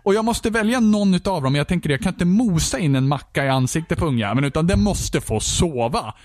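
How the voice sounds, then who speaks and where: A man's voice: on the high side, lively intonation, darkish tone, no echo. A man telling an exasperated, comedic story in a casual chat, swearing freely as he goes.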